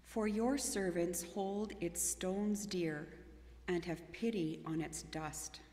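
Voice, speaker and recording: Woman, scripture reader, church service, slow measured reading, lowish voice, echoey sanctuary. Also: mellow, a little hiss or hum. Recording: echoey church hall reverb.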